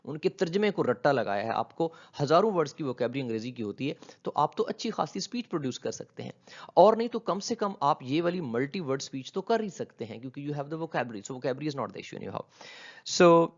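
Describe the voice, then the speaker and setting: Man, lecturer, code-switching, mid-pitched, slightly dull audio. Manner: mixes English terms into Urdu explanation; explanatory, asks and answers own questions. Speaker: linguistics lecturer. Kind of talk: recorded video lecture.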